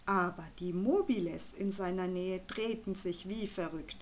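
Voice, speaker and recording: A woman narrating a children's story in a calm, measured audiobook reading. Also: lowish voice.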